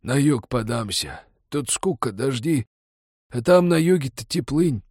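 Old stationmaster, weary, bored, slow drawl, mumbling, man putting on the voice. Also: mid-range voice, expressive, darkish tone, husky, no echo, clean studio sound, voice pushed up.

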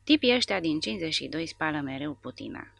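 Woman playing a rough soldier in choppy speech. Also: sits low, very animated, a bit bright, dry recording, exaggerated voice. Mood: blunt. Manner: blunt, choppy broken speech. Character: rough male soldier speaking broken language.

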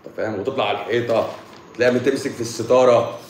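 Fast-talking Egyptian man in an echoey room. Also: mid-range voice, slight background noise. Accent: Egyptian Arabic. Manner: joking, colloquial, animated explaining. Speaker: doctor. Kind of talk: casual live talk on health.

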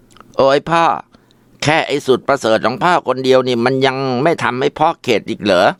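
A man's voice: on the low side, normal speed, smooth, no room sound, natural voice. A man voicing a worried, middle-aged village mother who scolds and complains in a tearful way. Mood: exasperated.

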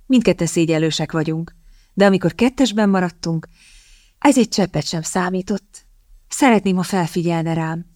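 A woman voicing a timid young lady with a high, girlish voice who stammers and hesitates. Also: warm tone, dry recording, clean studio sound, lightly acted. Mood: bashful.

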